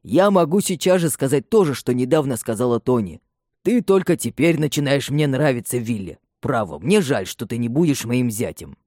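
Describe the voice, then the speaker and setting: Мужчина-чтец озвучивает вспыльчивого пожилого лесничего, который говорит возбуждённо и с восклицаниями. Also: male voice, mid-range voice, sing-song, moderate pace, darkish tone, no room sound, clean studio sound. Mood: agitated. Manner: agitated, exclamatory. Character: excitable older male forester, family man.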